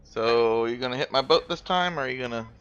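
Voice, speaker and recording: A man's voice: mid-range voice, fairly quick, fairly bright tone, smooth. A man hosting a gaming video, teasing his brother with playful, sing-song commentary as they play. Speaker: gaming channel host. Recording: slightly dull audio with faint music.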